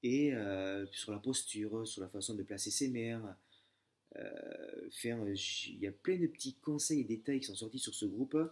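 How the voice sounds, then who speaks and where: Speaking at a moderate pace in a low-leaning, slightly mellow voice, a young man walks vlog viewers through how he prepared for his exam. His storytelling is familiar and chatty but hesitant, packed with fillers and restarts.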